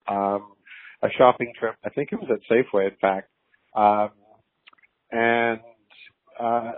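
A man leaving a chatty, upbeat voicemail, played back from a phone message. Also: medium pitch. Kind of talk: casual friendly message. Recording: tinny phone-line voicemail.

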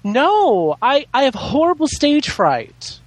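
A man's voice: very high voice, huge pitch swings, slow pace, no echo. A man chatting casually as a podcast guest, with a campy drag-queen delivery and exaggerated, theatrical inflections. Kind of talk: casual chat.

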